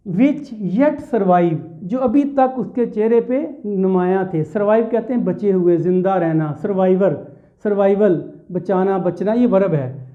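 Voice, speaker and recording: A man's voice: sits high, measured pace. A man from Pakistan with a Pakistani accent, giving a classroom lecture on a poem. He explains step by step, repeats his phrases and mixes English terms into his talk. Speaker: teacher. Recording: tinny phone-like lo-fi sound.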